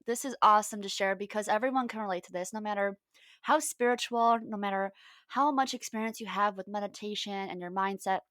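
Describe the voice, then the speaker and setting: A woman coaching on mindset in a casual podcast chat, telling stories in a lively way and acting out what people said. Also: medium pitch, a little fast, no room sound, studio quality. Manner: lively storytelling, acts out quoted lines.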